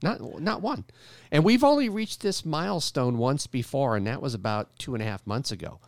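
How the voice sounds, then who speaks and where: A man's voice: medium pitch, expressive, normal speed, vocal fry, no room sound. A man, co-hosting a talk show and giving an upbeat, joking health update with frequent restarts. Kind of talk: casual chat.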